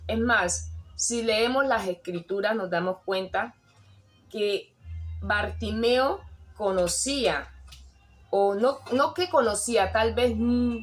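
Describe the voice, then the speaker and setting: Woman delivering a sermon, earnest and repetitive, slightly high voice, over faint background music. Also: slow pace. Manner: earnest, repetitive, restarts phrases, rising on quoted cries. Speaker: preacher.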